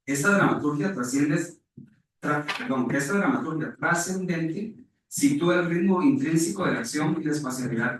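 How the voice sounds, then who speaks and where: A man from Rica, giving a formal, measured academic conference presentation that is partly read aloud, and correcting himself at times. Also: mid-range voice, a bit bright. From Costa Rica. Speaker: conference speaker. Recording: echoey hall, voice far from mic.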